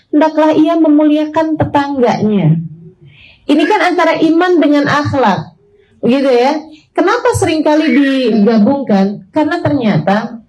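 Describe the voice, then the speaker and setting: A woman's voice: sits high, a little mellow, poor audio. An Indonesian woman in her forties, an Islamic preacher giving a sermon to a women's audience in a conversational way, with everyday examples and asides. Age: 40s. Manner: addresses listeners as sisters.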